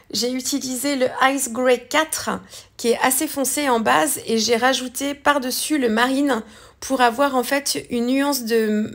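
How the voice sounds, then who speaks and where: Hesitant woman explaining crafts. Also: high-pitched. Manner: hesitant, many fillers and self-corrections. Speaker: craft tutorial host. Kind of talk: casual voice-over art tutorial.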